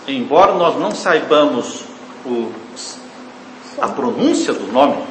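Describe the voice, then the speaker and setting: A man preaching a sermon, leaning hard on key words, then dropping to a hushed, low voice, and calling the congregation his dear ones. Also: background noise. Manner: emphatic preaching, swings from loud stressed words to hushed low phrases. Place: church hall. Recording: echoey church hall, faint ambience.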